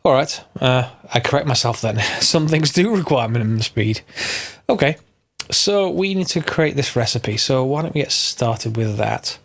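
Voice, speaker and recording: This Minecraft mod tutorial host sounds bunged up from a cold as he talks through the game casually, musing aloud and correcting himself. He has a mid-range voice with lively intonation, a moderate pace, and some vocal fry.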